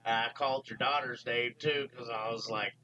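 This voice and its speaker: A man's voice: mid-range voice, fairly even intonation, normal speed, pushed and bright, dull audio. A man chatting casually about working as a haunted house actor, blunt and swearing freely. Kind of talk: casual chat.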